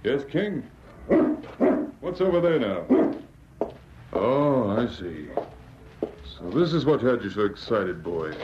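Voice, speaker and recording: An actor playing a brave Mountie sergeant in an old-time radio adventure, earnest, kindly and resolute. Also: male voice, medium pitch, big pitch swings, takes it slowly, long pauses. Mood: alert, hushed. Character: brave, steady male Mountie sergeant hero. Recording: noisy, muffled vintage radio recording.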